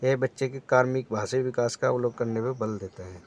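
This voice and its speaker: A man's voice: medium pitch, a little fast, darkish tone. A man teaching exam preparation, reading out multiple-choice options and then explaining the right answer.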